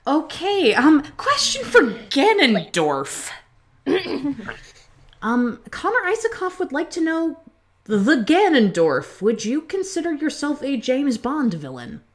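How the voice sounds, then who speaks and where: Brief: woman as a goddess hosting questions, a bit high, very lively, theatrical. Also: slow, full character voice. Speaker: in-character Q&A host. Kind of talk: in-character fan voice acting Q&A.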